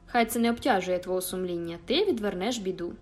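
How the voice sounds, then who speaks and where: A woman's voice: mid-range voice, quick pace, natural voice. A woman reading aloud and voicing a cruel, vengeful man who speaks in a menacing, commanding way. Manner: menacing, commanding, louder than narration.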